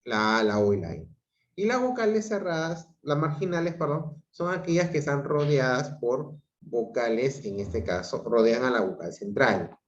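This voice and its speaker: A man teaching an online grammar class, slowly explaining, often repeating himself and checking in with the students. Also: mid-range voice, expressive. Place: home room on a video call. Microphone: computer mic on a video call. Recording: roomy, dull lo-fi video call audio.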